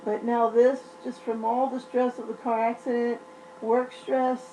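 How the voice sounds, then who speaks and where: A woman's voice: fairly high pitch, flat delivery, unhurried, mellow, a little hiss or hum, low-quality recording. A woman vlogging casually while in pain and on medication, blunt and profane, rambling and restarting often. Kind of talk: casual vlog monologue.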